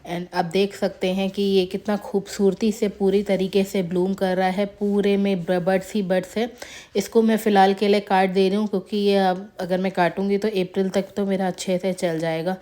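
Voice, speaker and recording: A woman's voice: medium pitch, flat delivery, moderate pace, dark tone. A woman casually narrating a tour of her flowering plants as a gardening vlogger, chatty and showing each plant in turn. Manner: chatty, shows plants one by one.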